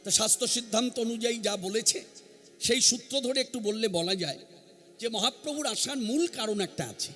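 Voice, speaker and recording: A man's voice: extremely high pitch, moderate pace, fairly bright tone, faint music behind. A man preaching a devotional sermon to a gathering, earnest and emphatic, repeating his key phrases. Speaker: kirtan singer and preacher. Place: standing before an assembly.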